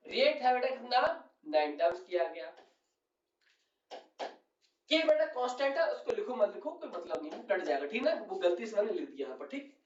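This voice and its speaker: Lively man lecturing in an echoey room. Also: high-pitched, slight background noise. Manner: calls students "beta", keeps checking they follow. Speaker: chemistry teacher. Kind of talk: classroom lecture at a board. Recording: roomy, distant, dull lo-fi sound.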